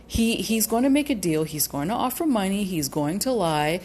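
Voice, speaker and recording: A woman giving a casual tarot reading to her viewers, halting and cautious, with many fillers and restarts. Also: mid-range voice, animated, a little mellow, a little hiss or hum. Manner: cautious, hedging with repeated qualifiers. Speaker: tarot reader.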